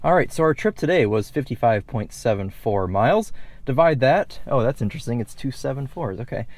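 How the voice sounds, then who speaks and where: A man in his twenties hosting a casual car review, upbeat and chatty, talking from inside a car on the highway. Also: animated, brisk, a little mellow. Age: 20s. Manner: upbeat, enthusiastic, chatty with fillers. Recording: clear road noise behind. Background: road and car noise.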